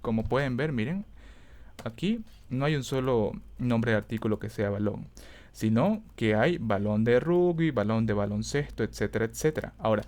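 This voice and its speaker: Casting: male instructor, mid pitch, patient step-by-step lesson, frequent check-ins, thinks aloud and self-corrects. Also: lively intonation, moderate pace, a little mellow. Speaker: teacher. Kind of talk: screen-recorded coding lesson.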